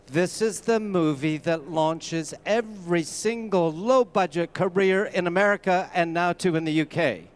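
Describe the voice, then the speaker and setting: A man's voice: high voice, a little slow, few pauses, smooth. A man giving a conference masterclass, telling anecdotes and speaking straight to the audience. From Canada. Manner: anecdotal, conversational, addresses the audience directly. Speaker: masterclass presenter. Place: conference stage before a live audience.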